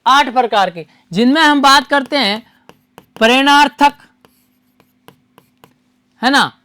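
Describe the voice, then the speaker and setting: A woman's voice: high voice, slow pace, a bit bright, no room sound. A woman teaching an exam-prep grammar lesson. She asks the class questions, answers them herself, and repeats key terms for her students.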